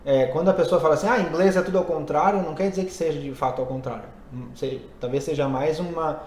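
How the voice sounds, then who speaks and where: A man who teaches English and Portuguese hosts a casual podcast, talking ideas through conversationally as he thinks aloud. His voice is fairly high with a darkish tone, and the room gives it a noticeable echo.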